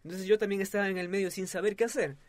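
A young man tells his story in an interview. He speaks in a somewhat high voice, hesitant and full of fillers and restarts. The recording is dry and close. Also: steady tone, racing, dry recording. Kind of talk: testimony in a casual interview.

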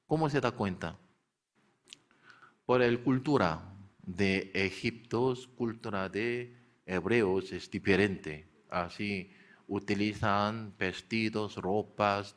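A man preaching a storytelling sermon who keeps asking his listeners questions and then answering them himself. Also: on the low side. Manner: animated retelling, slips into character voices.

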